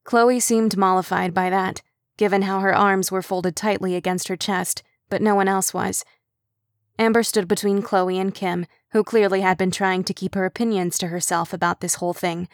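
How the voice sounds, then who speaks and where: A woman narrates an audiobook in an even, measured way. The recording is dry and close, with no room sound. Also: medium pitch, dry recording. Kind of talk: scripted narration.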